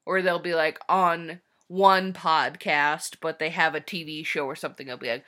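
A woman's voice: deep voice, fairly even intonation, normal speed, bright, forceful tone. A woman co-hosting a podcast, chatting casually, laughing often. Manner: chatty, laughs often, tired and sighing at times. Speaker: podcast co-host. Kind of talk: casual chat.

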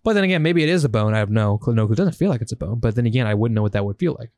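A man's voice: medium pitch, very fast, no room sound. A young man co-hosting a podcast, telling casual stories with lots of swearing and acted-out reactions. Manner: animated storytelling, swears a lot, acts out his own reactions. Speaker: podcast co-host. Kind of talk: casual chat.

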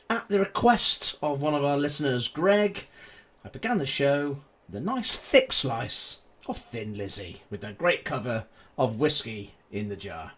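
A man presenting a radio show in a casual, chatty style as its host. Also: mid-range voice.

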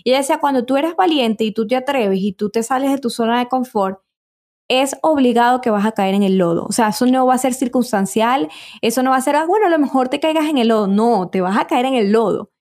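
A woman hosting a casual podcast, talking in an eager, chatty way with plenty of asides. Her voice sits a little high for a woman. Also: a little fast, a little mellow. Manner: chatty and enthusiastic, many asides. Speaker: podcast host.

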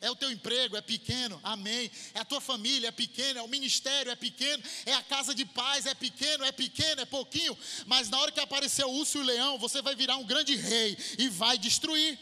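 A man with a Brazilian Portuguese accent preaching a sermon, emphatic and animated, acting out quotes in a raised voice. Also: very high-pitched, fairly quick, few pauses. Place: church hall. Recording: long reverb of a church hall.

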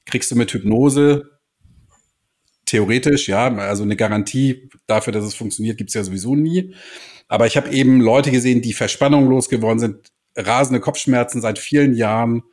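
A man in casual conversation, telling stories in an animated way and acting out the people he quotes. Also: mid-range voice, moderate pace. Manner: animated storyteller, acts out quoted voices. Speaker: hypnotist and podcast host guest.

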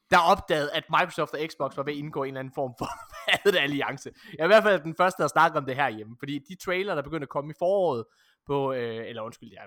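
A man in casual gaming chat with friends, excitable and full of fillers and restarts. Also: on the high side.

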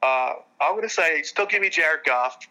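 A man's voice: on the high side, lively intonation, normal speed, bright, forceful tone, low-quality recording. A man co-hosting a sports podcast, chatting casually with frequent stammered restarts. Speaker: podcast co-host.

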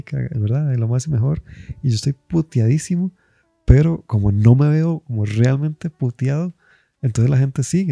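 A man's voice: medium pitch, vocal fry, warm tone, no echo. A man with a Costa Rican accent, a stand-up comedian casually telling stories about his shows and rambling with many fillers. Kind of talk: casual personal storytelling.

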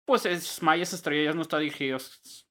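A man hosting a casual podcast, relaxed and slangy, asking questions between short backchannels. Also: fairly high pitch, brisk. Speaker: podcast host.

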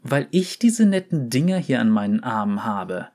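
A man's voice: mid-range voice, sing-song, moderate pace, darkish tone, lightly acted. A man voicing a brash, violent female enforcer who taunts and threatens in a mocking, cocky way. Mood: taunting. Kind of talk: dramatic story reading.

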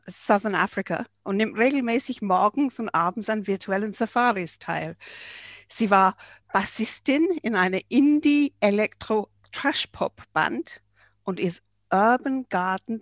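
A woman's voice: medium pitch, no echo. Playful English woman co-host. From England. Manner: playful, teasing questions. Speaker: podcast co-host. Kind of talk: friendly podcast introduction and questions.

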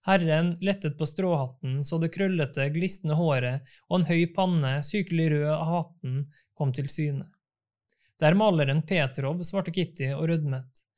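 A man narrates a classic novel in a calm, even reading. His voice is slightly high, and he keeps the audiobook pacing steady.

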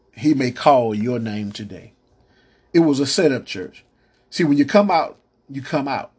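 Husky preacher man, amen after amen. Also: mid-range voice, darkish tone. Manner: call-and-response preaching, repeated amens, stammering restarts. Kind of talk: podcast sermon.

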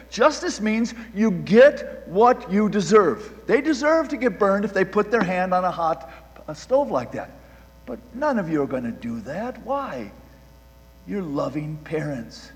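A male pastor preaching a sermon with animated delivery, swinging between loud emphasis and hushed, quiet lines, often restarting and repeating words. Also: sits high, big-room sound.

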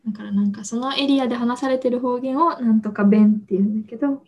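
A woman co-hosting a casual podcast from home, explaining Japanese words slowly and gently with everyday examples. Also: fairly high pitch, lo-fi sound. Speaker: podcast co-host.

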